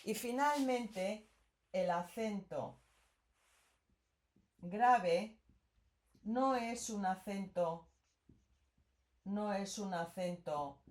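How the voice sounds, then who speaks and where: A woman's voice: medium pitch, drawn-out words, long pauses, a little mellow. A woman teaching a grammar lesson, explaining patiently and often checking in with the listener.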